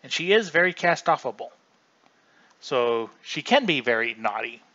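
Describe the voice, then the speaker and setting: Man streamer, bright forceful voice, loose casual commentary, dull lo-fi home recording. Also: medium pitch, big pitch swings, normal speed. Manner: chatty, rambling, often restarts mid-sentence. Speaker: livestream host.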